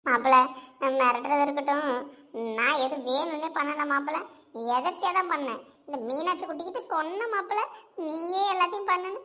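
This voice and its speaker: A woman's voice: high voice, pushed and bright. Woman doing a whiny, frightened mother-in-law. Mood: pleading. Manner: whiny, pleading, drawn-out. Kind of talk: cartoon voice acting.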